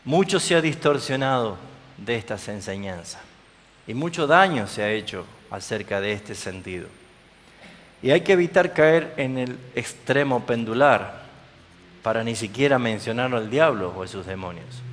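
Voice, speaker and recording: A man's voice: medium pitch, expressive, normal speed, a bit bright, big-room sound, slight background noise. A man preaching a sermon to his congregation, emphatic, with frequent questions to them. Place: church.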